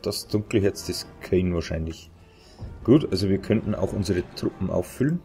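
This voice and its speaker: A man with a low-pitched voice comments casually on a game as he plays. He sounds unhurried and half talks to himself. Soft music runs in the background. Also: lively intonation. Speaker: let's player.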